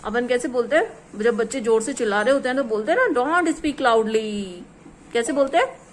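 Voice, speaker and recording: A woman's voice: on the high side, lively intonation, fast, slight background noise. A woman teacher giving a home lesson to a small child, patiently drilling word pairs and mixing English words into Hindi.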